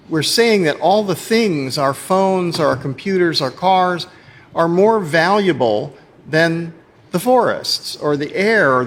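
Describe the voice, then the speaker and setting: A man's voice: fairly high pitch, a little hiss or hum. A man moderating a panel, speaking in a thoughtful way and often restarting his sentences. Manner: slow, thoughtful, with repeated restarts. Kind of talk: panel discussion remarks. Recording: hall reverb with faint ambience.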